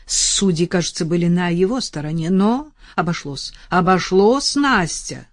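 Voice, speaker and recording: A woman's voice: lowish voice, expressive, a little slow, dry recording, studio quality. A woman reading an audiobook voices a talkative, self-satisfied male lawyer who gushes and then grows irritated and lectures. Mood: effusive.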